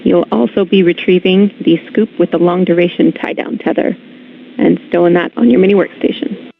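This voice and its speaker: A woman talking to spacewalkers over a space-to-ground radio link, giving brisk, clipped procedural instructions. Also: on the low side, steady tone, gravelly. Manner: brisk, clipped, matter-of-fact. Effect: space-to-ground radio transmission. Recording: tinny radio loop with faint hiss.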